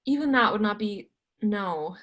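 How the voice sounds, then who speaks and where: In an amateur readers theatre, a woman reads the role of a cautious older male physician and astronomer. Her mid-range voice is animated yet measured in pace, coming across hesitant, gently apologetic and reluctant.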